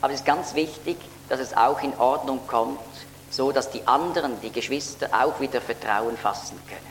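A man's voice: mid-range voice, moderate pace. A man giving an earnest, explanatory Bible teaching sermon, lifting his voice to stress key words. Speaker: preacher. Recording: echoey hall with faint hum.

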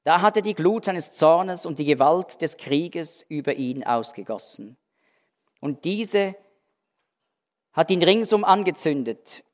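A man preaching through a Bible passage with a slightly raised voice. He leans hard on key words and then drops low and quiet. His voice rings with the long reverb of a large church hall. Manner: emphatic, swings between loud stresses and quiet low phrases. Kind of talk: expository Bible sermon.

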